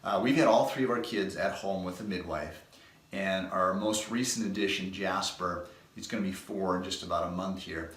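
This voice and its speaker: A man's voice: low voice, moderate pace, a bit bright, echoey room. A chiropractor in his thirties casually telling rambling personal anecdotes to his patients. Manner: folksy, rambling anecdotes with restarts. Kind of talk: casual storytelling to camera.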